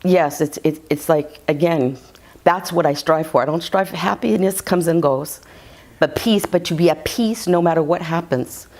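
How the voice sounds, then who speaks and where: A woman's voice: sits low, normal speed, a little mellow. Woman client describing her session to an interviewer: chatty, loose, laughing as she talks. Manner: rambling, chatty, giggly, with many restarts. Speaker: reiki client giving a testimonial. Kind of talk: casual interview testimonial.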